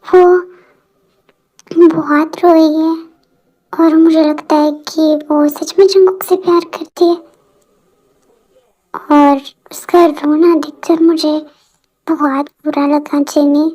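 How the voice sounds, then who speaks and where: An earnest, worried young man in a homemade audio story speaks with concern, as a woman voices him. The voice is very high, slow and mellow, with no attempt to lower it. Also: little pitch movement.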